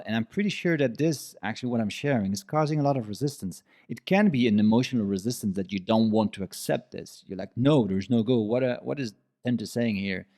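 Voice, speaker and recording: A man's voice: fairly low pitch, a little mellow. Earnest man hosting a reflective podcast. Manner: earnest, explanatory, repeats key phrases for emphasis; non-native phrasing and grammar slips. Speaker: podcast host. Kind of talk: reflective solo monologue.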